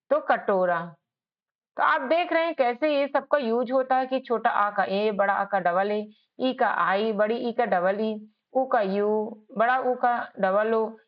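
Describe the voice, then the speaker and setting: A woman teaching basic spelling, sounding words out letter by letter and checking in often with "ok". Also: on the high side. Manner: checks in with "ok" and "theek hai". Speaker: English teacher. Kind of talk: slow spelling lesson. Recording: dull lo-fi sound.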